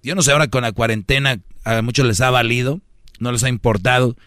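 Teasing radio host, dry studio sound. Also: male voice, mid-range voice, steady tone, fast talker, fairly bright tone, no room sound. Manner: teasing, slangy, mock-scolding. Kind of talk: comedic radio monologue.

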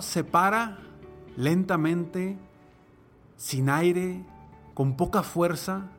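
Guy doing motivational podcast speech, slow n emphatic, dramatic pauses, bit of music behind. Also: a little high.

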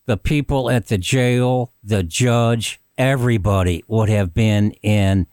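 A man's voice: lowish voice, takes it slowly, a little mellow, clean tone, no room sound, clean studio sound. A man hosting a podcast, giving conversational, emphatic commentary. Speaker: podcast host.

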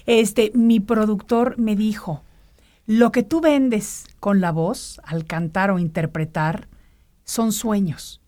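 A woman's voice: medium pitch, slow, dark tone. A woman interviewer, a former rapper, talking casually, affirming and reflective.

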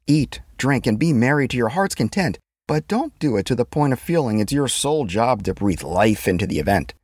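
Male advice-podcast host, husky and lively, wry playful read, dry booth sound. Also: no echo. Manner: wry, playful delivery with sudden jumps in pitch.

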